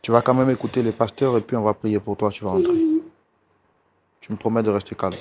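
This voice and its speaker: A man hosting an emotional talk show, pleading and apologizing again and again to calm a guest. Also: lowish voice, fast. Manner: pleading, repeating apologies and calming words. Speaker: host. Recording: noisy recording.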